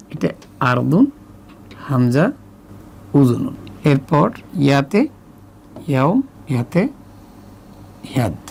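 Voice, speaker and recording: Patient gravelly male teacher. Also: fairly high pitch, a little mellow, a little hiss or hum. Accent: Bangladeshi Bengali. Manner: slow, patient, repeats each letter while pointing. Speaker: Arabic teacher for children. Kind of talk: step-by-step workbook lesson.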